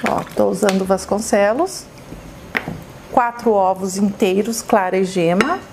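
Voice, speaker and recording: A woman's voice: mid-range voice, unhurried, creaky, background noise. A woman with a Brazilian Portuguese accent hosting a chatty cooking demonstration in a kitchen, effusive and exclamatory, fondly addressing her viewers. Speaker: cooking show host.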